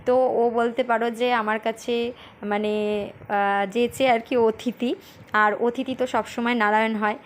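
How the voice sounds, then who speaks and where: A woman's voice: on the high side, little pitch movement, moderate pace. A woman in her thirties narrating a casual home vlog in a chatty, rambling way with many fillers. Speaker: vlogger. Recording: noisy home ambience.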